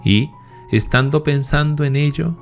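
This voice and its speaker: Male narrator, solemn and measured, over a quiet music bed. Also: on the high side. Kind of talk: scripted narration of saints' testimonies. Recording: faint music bed behind voice.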